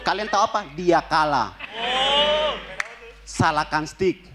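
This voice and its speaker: A young man from Kupang performing a stand-up comedy routine on a TV studio stage, punchy and animated, with sound effects. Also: fairly high pitch, takes it slowly. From Kupang, Indonesia. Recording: noisy stage ambience.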